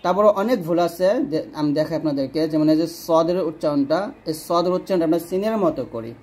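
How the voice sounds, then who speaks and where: A man with a voice a little high for a man, and a little mellow, teaches Quran recitation in an instructional lesson. He patiently explains each sound and draws the recited words out slowly so every letter is audible.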